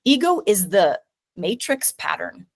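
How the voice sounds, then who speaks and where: A middle-aged woman talking as a podcast guest in casual conversation, animated and quick to act out little voices. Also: medium pitch. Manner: animated, acts out voices in anecdotes, swears casually. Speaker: guest, neurosculpting teacher.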